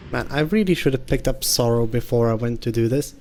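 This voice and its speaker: A man hosting a gaming channel, calmly thinking aloud through his tactics as let's-play commentary. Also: mid-range voice, a little fast, slight background noise. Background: game music.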